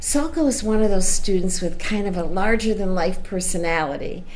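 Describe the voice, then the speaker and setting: A woman's voice: mid-range voice, moderate pace, a little mellow, slight background noise. Enthusiastic woman hosting a talk show. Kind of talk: upbeat show introduction.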